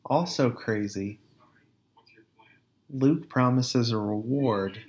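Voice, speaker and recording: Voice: mid-range voice, takes it slowly, darkish tone. Mid-range voice, dry matter-of-fact remarks, casual film chat. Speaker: movie commentator. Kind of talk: casual movie-watching chat.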